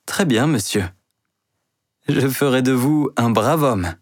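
A man voicing a young woman shop clerk who speaks softly but firmly, his voice raised in pitch. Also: slow, no echo, clean studio sound. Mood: playful.

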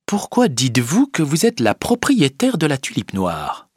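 A man's voice: fairly high pitch, wildly swooping pitch, a little slow, a little mellow, husky, no echo, clean studio sound, voice pushed up, exaggerated voice. A man voicing a polite society president in a storybook reading, formal and questioning. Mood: inquiring.

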